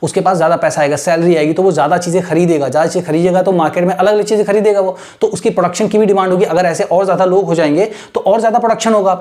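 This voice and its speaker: Speaking very fast with hardly any pauses, this man has a high, steady, slightly mellow voice. He teaches English grammar to exam aspirants in mixed Hindi and English, breaking it down step by step and asking "right?" after almost every sentence.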